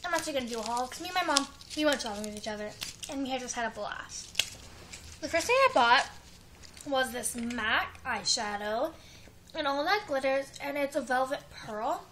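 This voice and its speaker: High-voiced chatty girl vlogger. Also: lively intonation, moderate pace, sharp tone, slight background noise, rough recording. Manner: chatty, giggly, rambling with many likes. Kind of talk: casual haul video. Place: living room at home. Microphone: built-in webcam mic.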